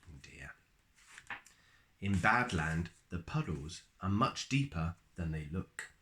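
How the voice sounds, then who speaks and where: Reading a children's picture book aloud, a storyteller with a lowish voice takes a slow, highly animated approach. His voice swoops over a wide range, and he leaves dramatic pauses while stretching words out for effect.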